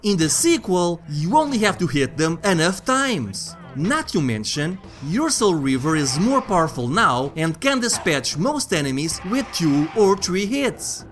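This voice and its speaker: A man hosts a video game review in a wry, conversational way. His delivery is lively and varied, with soft music running behind the scripted narration. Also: high-pitched, a little slow, few pauses. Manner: conversational, wry, jokey asides. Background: background music.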